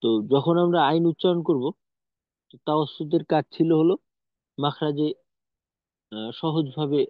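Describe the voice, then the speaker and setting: A man with a fairly high voice gives a patient online recitation lesson, explaining step by step and demonstrating each sound. The audio is tinny and phone-like, with a dry, close sound. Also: moderate pace, dry recording. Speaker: Quran recitation teacher.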